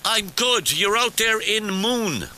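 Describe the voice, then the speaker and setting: A man's voice: sits high, lively intonation, slow, pushed and bright, a little hiss or hum. An Irish man hosting a radio phone-in, chatting casually and correcting himself as he goes. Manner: chatty, rambling, self-correcting. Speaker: radio host. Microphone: studio mic.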